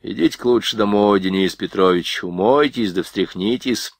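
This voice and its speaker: A man's voice: on the low side, moderate pace, no echo. A man voicing a stern, dry-spoken soldier in an audiobook. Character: stern, level-headed male soldier.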